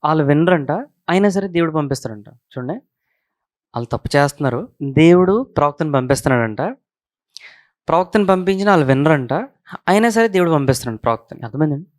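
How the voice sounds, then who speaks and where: Higher-voiced pastor preaching conversationally. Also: male voice, lively intonation, fast talker, pauses often, no room sound. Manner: keeps checking that listeners follow, repeats key points. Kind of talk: conversational sermon.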